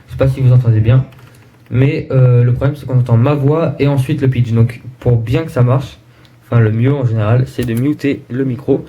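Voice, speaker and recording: A man's voice: medium pitch, steady tone, normal speed, highs cut off. A man casually demonstrating a mixing desk at home, speaking into a desk microphone with many hesitations and filler sounds. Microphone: desk microphone plugged into the mixer.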